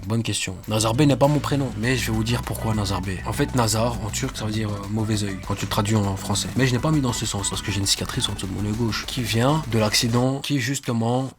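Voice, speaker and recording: A man, introducing himself to his viewers with casual, improvised answers, joking between them. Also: on the low side. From Belgium. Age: 20s. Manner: joking, answers his own questions in quick bursts. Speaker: video creator introducing himself. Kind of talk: casual improvised self-presentation.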